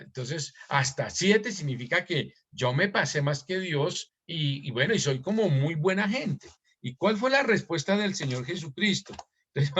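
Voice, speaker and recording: A man preaching a sermon as pastor, reading scripture aloud and asking the congregation questions, with sudden emphatic rises. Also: dull audio. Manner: lively and emphatic, with sudden rises in pitch and loudness.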